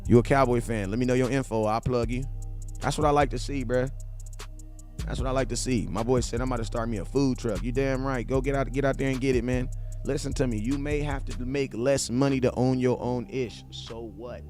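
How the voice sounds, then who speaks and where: In his 40s, a sports fan host on a live stream speaks at medium pitch with fairly even intonation, a fairly quick pace, and a slightly mellow tone over soft background music. He reads viewer comments in loose, slangy chat, addressing his audience directly and repeating points for emphasis.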